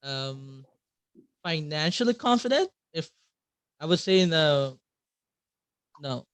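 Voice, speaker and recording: A man hosting a podcast, asking interview questions in a measured way. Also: fairly high pitch, expressive, a bit bright, smooth, no echo. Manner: slow, measured, with short laughs and backchannels. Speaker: podcast host.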